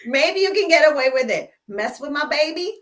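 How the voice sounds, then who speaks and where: A woman's voice: sits high, animated, moderate pace, fairly bright tone, distant mic. A woman hosting a talk show, chatting playfully and emphatically while switching between Spanish and English. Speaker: host. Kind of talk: casual bilingual talk show chat.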